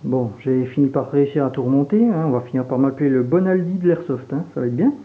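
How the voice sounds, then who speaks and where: A man's voice: medium pitch, fast talker. A man from Franche-Comté with a regional French accent, casually unboxing and demonstrating gear as a reviewer, hesitant and full of fillers. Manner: relaxed, hesitant, many fillers while handling gear. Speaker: airsoft reviewer. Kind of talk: casual product unboxing and demo. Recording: tinny phone-like sound, faint hiss.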